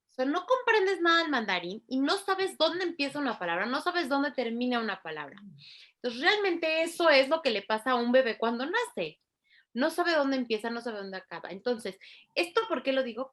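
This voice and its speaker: A woman speech therapist, explaining clearly and didactically in an interview, spelling out sounds slowly. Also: on the high side, fairly bright tone.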